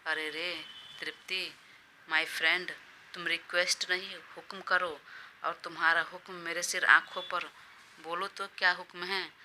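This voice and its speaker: A woman's voice: on the low side, level tone, unhurried, pushed and bright, a little hiss or hum. A woman voicing a caring, indulgent young male boss in an audio drama. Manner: indulgent, obliging.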